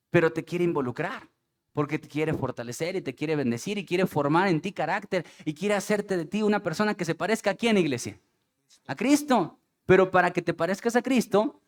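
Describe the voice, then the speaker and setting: A man with a Mexican Spanish accent preaching a Sunday sermon as pastor, emphatic and direct, now loud, now dropping to quiet low asides. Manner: emphatic preaching, often calling out "iglesia". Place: church sanctuary.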